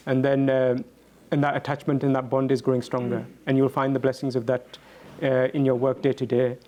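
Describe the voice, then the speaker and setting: Here a man is being interviewed, and he responds in a reflective, earnest way that stumbles and doubles back on words. His pitch is level and mid-range, and the tone leans dark.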